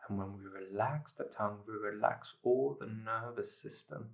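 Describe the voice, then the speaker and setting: A man with a low, creaky voice leads a guided meditation. He gives measured instructions in short phrases and pauses between them.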